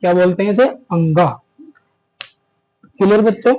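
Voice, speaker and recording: A male teacher giving an exam-prep grammar lesson, asking questions back to the students and slowing down to stress key terms. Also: sits high, dark tone, poor audio.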